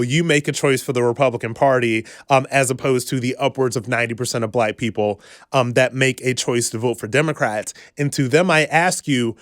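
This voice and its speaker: A man's voice: medium pitch, no echo. Guy doing a fired-up political rant to camera, lots of repeating for emphasis, super dry close sound. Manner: emphatic, repetitive rhetorical delivery. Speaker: political commentator. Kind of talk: direct-to-camera political monologue.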